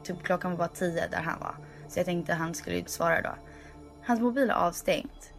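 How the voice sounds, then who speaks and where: Young woman, animated storyteller, casual chat, code-switching, faint music bed. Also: on the low side. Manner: animated storytelling mixing Swedish and English.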